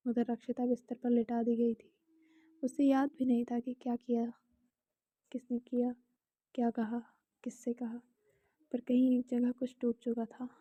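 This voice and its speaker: In a husky, slightly high voice, a young woman with an Indian accent narrates a romantic tale calmly and a little slowly, leaving long pauses. At times she whispers or chats casually with the listener. The home recording is a bit dull and dry, with no echo.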